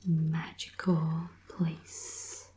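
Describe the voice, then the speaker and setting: A woman in a whispered role-play as a librarian, speaking in a soft, gentle, unhurried library whisper. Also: low-pitched, completely flat delivery. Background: soft clicking and tapping sounds.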